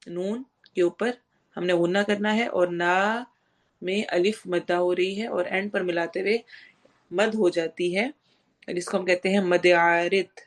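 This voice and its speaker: A woman teaching tajweed. She recites verses slowly and drawn out, then explains pronunciation rules step by step. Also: fairly low pitch. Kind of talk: online tajweed lesson.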